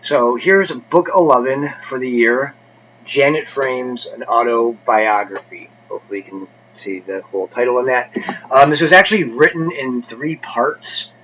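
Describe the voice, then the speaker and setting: A man's voice: medium pitch, normal speed, fairly bright tone, dull audio, a little hiss or hum. A congested man hosting a casual book review channel, rambling with many fillers and restarts.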